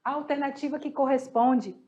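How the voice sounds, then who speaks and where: A Brazilian woman teaching a class, a little hoarse, patiently asking questions and answering them herself. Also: high voice, normal speed, darkish tone, lo-fi sound. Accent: Brazilian Portuguese. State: slightly hoarse, coughing. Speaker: Spanish teacher. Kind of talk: online class explaining exercises.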